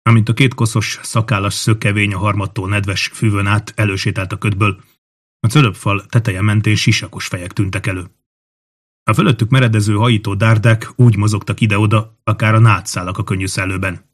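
A man narrating a historical novel in a steady, measured reading voice. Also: lowish voice. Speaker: audiobook narrator. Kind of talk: scripted narration.

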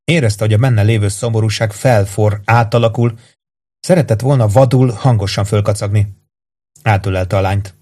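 A man narrates a novel in a measured, even way. His voice sits a little on the low side for a man, steady through long passages. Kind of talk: audiobook reading.

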